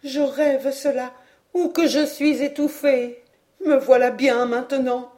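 A woman's voice: high voice, big pitch swings, moderate pace, a little mellow, pitched above the performer's own voice. A woman reading an audiobook voices a frightened mother, her speech anxious, pleading and trembling. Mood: despairing. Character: frightened middle-aged mother, despairing.

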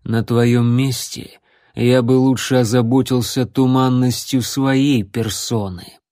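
Unhurried, sneering necromancer, as a male reader puts him on; drawn-out sarcasm, dry close sound. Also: mid-range voice, steady tone, dark tone, no room sound, close to an everyday voice. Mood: mocking. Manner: slow, measured, mocking. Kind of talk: audiobook character voice.

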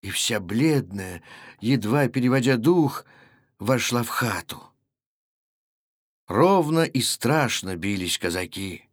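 A man, an actor and announcer, reading a classic tale in a measured, dramatic narration. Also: medium pitch, animated, husky, no room sound, clean studio sound. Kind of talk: audiobook narration.

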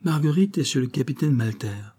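A man voicing a cautious police detective who speaks in a measured, thoughtful way. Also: medium pitch, animated, warm tone, slightly rough, pitched above the performer's own voice.

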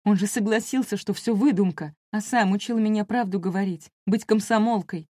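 A woman's voice: mid-range voice, normal speed, mellow, dry recording, studio quality, voice pushed up, natural voice. A woman voicing a desperate teenage girl who pleads in a raised, tearful voice. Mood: desperate pleading.

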